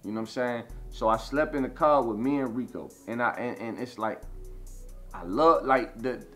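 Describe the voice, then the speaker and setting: A man in his thirties talks through his story in a loose, rambling way, peppered with swearing and filler phrases. His voice sits at an ordinary middle pitch, with faint music playing behind him. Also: normal speed, a bit bright. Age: 30s. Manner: rambling, repeats "you know what I'm saying", profane. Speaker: interview guest. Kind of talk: casual storytelling.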